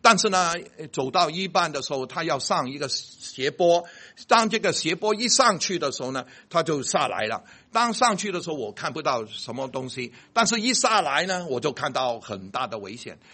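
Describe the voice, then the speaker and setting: A man telling a personal faith story about a car accident, checking that listeners follow him and stumbling over words when excited. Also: a little high, moderate pace, slightly rough. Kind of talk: animated storytelling.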